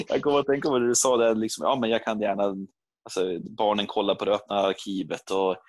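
A Swedish man in his thirties, co-hosting a casual chat and telling a lively story, mimicking the people in it. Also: dry recording. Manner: animated storytelling, jumps into high voices for quoted people. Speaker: podcast co-host.

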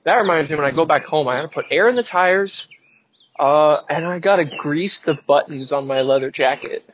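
A young man in his early twenties talks to himself in a casual solo vlog, thinking aloud with a wry, self-mocking edge. His voice sits a bit high for a man. The recording is dull and lo-fi, as if captured in a car. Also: moderate pace, a bit bright, slight background noise. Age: 20s. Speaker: podcast host. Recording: dull lo-fi sound.

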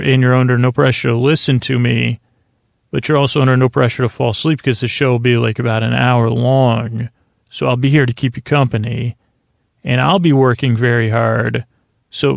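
On his sleep podcast, a man with a creaky, mid-range voice delivers a rambling bedtime monologue meant to help listeners drift off. He meanders and halts, circling back and over-describing in a whimsical way. There's no room sound.

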